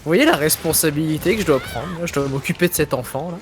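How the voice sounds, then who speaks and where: A man's voice: a little high, fast, slight background noise. A young man streaming a video game, joking and teasing his co-player in casual chat.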